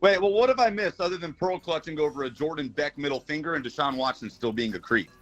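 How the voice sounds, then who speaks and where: A Brazilian man who's a regular on a sports talk show phones in and chats wryly but earnestly in casual sports radio banter. His voice is fairly high and a bit bright, his pace quick, with faint music playing behind him.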